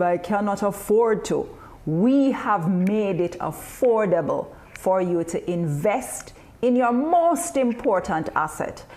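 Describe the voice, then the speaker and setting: Unhurried woman presenting a webinar. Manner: measured, explanatory, upbeat sales pitch. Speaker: training presenter. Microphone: video call.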